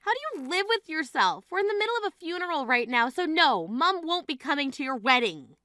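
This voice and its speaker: A woman's voice: on the high side, expressive, normal speed, sharp tone, no echo, studio quality. A woman playing an exasperated, grieving sister who scolds in an incredulous, reproachful way in a dramatized story. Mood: shocked, indignant. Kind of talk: dramatized phone-call story dialogue.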